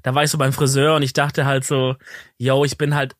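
A man's voice: mid-range voice, flat delivery, fairly quick, no echo. Young guy cohost chatting loose and slangy, dead dry mic. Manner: slangy, reacting, thinking aloud. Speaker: podcast co-host. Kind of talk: casual chat.

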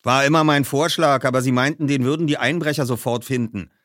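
A man's voice: medium pitch, steady tone, a little fast, fairly bright tone, dry recording, clean studio sound, voice pushed up, natural voice. A man doing a cocky rich teen skater. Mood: casual. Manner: boastful, offhand. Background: background music.

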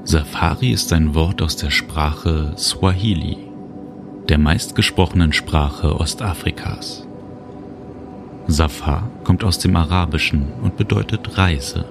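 Very deep, gravelly-voiced calm male narrator. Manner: slow, calm, soothing. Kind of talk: guided relaxation journey narration. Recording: music bed under voice. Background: music and cricket sounds.

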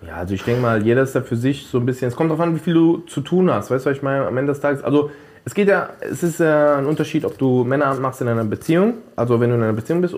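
A man's voice: medium pitch, a little mellow. A man co-hosting a podcast in casual chat, laid-back and slangy, often checking in with his listeners with "you know". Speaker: podcast co-host.

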